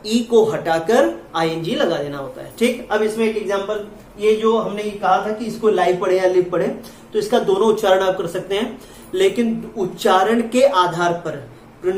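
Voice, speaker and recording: A man teaching an English grammar lesson, explaining slowly and spelling out words letter by letter. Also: high voice, a little mellow, recorded from a distance, a little hiss or hum. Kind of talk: classroom lesson. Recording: echoey room recorded from afar.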